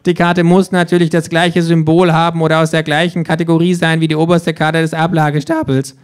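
A man puts on a cheeky storybook kangaroo with a raised, clear, smooth voice. It lectures with sardonic smugness and mocks anyone who asks questions. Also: a little high, little pitch movement, brisk, pitched above the performer's own voice, natural voice. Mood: smug lecturing. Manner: smug, lecturing, mocking. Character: cheeky know-it-all talking kangaroo, sardonic. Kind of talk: audiobook-style rules narration.

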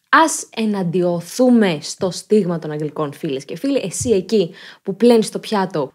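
A woman hosting a podcast in a casual, chatty way with joking, ironic asides. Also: medium pitch. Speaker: podcast host. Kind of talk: casual chat.

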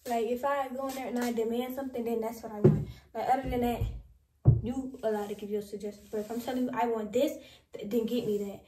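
A chatty young woman talks straight to her viewers, playful and slangy, her voice sitting a little high. She is filmed on a phone or camera propped at arm's length in a small bedroom, and the room gives back a noticeable echo. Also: steady tone, quick pace, warm tone, far from the mic. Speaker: vlogger. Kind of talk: casual vlog chat.

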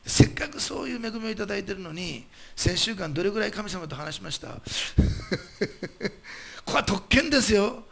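A male pastor delivering a sermon, emphatic and animated, putting rhetorical questions to the congregation. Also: high-pitched, normal speed, gravelly.

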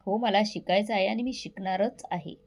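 A woman voicing a timid young married woman who speaks haltingly and softly. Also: mid-range voice, steady tone, close to an everyday voice. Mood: hesitant. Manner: halting, stammering, soft.

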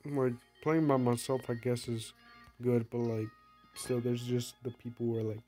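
A man's voice: medium pitch, fairly even intonation, unhurried, warm tone. Young man, sick, casual game commentary, rambling, playful, self-mocking, phone recording, faint background music. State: sick, coughing. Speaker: gaming vlogger. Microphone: phone screen recording.

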